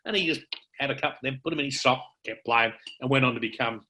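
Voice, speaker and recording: A man with a bright, sharp-edged voice telling rambling stories in loose conversation. He drops the odd swear word along the way and keeps the yarn rolling. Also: medium pitch, fast. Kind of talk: casual storytelling.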